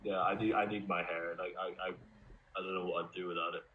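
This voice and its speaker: A man's voice: low voice, steady tone, quick pace, phone-quality sound. Joking teenage guy in a roomy space. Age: late teens. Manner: joking, slangy. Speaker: co-host. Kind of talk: casual chat. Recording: roomy, distant sound.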